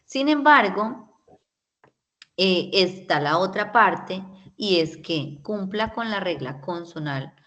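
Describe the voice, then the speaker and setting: A woman's voice: mid-range voice, lively intonation, slow pace, a bit bright. A woman teacher, patiently explaining English grammar in an online class and often checking in with her students. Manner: patient, explanatory, many tag questions.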